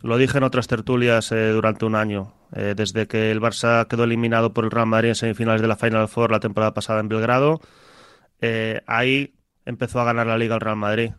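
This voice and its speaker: A man speaking as a pundit in a radio sports debate. He sounds measured and reflective, pausing often on hesitations. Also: on the low side, level tone, fairly bright tone, clear, resonant tone, dry recording, clean studio sound.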